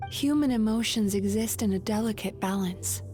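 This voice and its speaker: A woman playing a composed, resolute dream-hunter guide in a video game, explaining things in a measured, serious manner. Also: mid-range voice, mellow, soft background music, natural voice. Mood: calm, serious.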